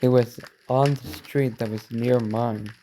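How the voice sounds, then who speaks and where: A man reading a story aloud in a halting way, correcting himself and breaking off for quick reactions. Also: mid-range voice, fairly even intonation, noisy background. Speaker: reaction video host.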